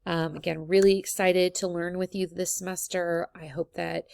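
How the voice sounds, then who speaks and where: A woman with a lowish, gravelly voice walks through her course in a relaxed, friendly way, with lots of ums. The sound is dry and close, as if recorded at a computer. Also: normal speed, no room sound. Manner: casual, friendly, many ums. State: has the hiccups. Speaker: college instructor.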